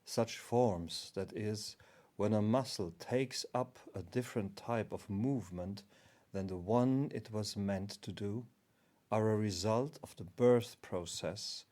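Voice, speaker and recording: In this clip, a male performer plays a guardian spirit of the cosmos, his low delivery slow and measured. The tone is solemn, calm and instructive, with the formal care of a spiritual teacher.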